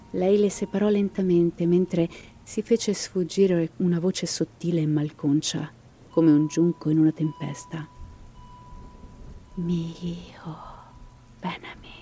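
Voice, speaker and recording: Brief: lowish female storyteller, dramatic horror narration with dry humor, faint hiss. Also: fairly even intonation, unhurried, mellow. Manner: dramatic, sardonic asides. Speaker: storyteller and host. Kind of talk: scripted horror narration with comic banter.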